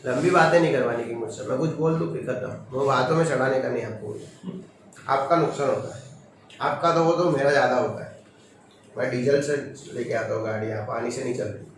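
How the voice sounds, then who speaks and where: A man's voice: medium pitch, fairly quick. A man teaching chemistry to a class in a firm, strict manner, often checking with short questions. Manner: firm, stern, quizzes students with short questions. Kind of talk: classroom lecture. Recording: echoey classroom from far off, noisy.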